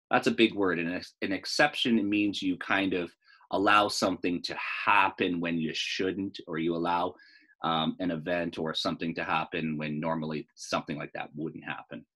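With a deep, slightly bright voice and a breathy edge, a middle-aged American man performs a read-aloud story in a teacherly way. He reads expressively and breaks off for informal, explanatory lesson asides.

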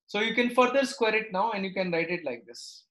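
A man's voice: high-pitched, animated, brisk, a bit bright. A man teaching maths live, working through steps aloud and checking understanding with short questions. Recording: echoey, roomy sound.

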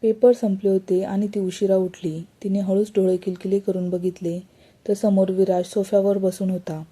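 A woman narrating a romance story as a storyteller, in a steady and even reading. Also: medium pitch, moderate pace, breathy edge.

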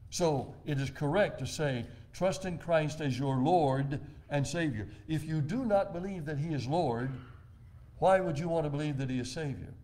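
Older pastor preaching slowly and deliberately. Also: male voice, fairly high pitch, mellow. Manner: measured, deliberate preaching with slow emphatic phrases. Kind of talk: sermon. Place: church.

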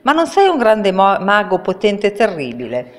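A woman's voice: medium pitch, huge pitch swings, moderate pace, voice pushed up. A woman voicing a brave, earnest young girl who speaks insistently. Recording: reverberant room.

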